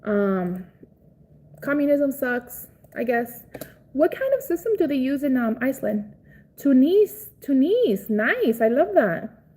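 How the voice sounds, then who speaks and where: A young Cuban-born woman raised in Florida hosts a casual livestream, greeting viewers by name and reacting with excitement. Her voice sits high, with a slow pace and a breathy edge.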